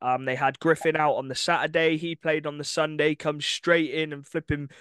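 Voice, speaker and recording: A young man co-hosting a podcast in casual, enthusiastic sports chat, with quick asides and laughs. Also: on the high side, little pitch movement, fairly bright tone, smooth, no echo. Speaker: podcast co-host.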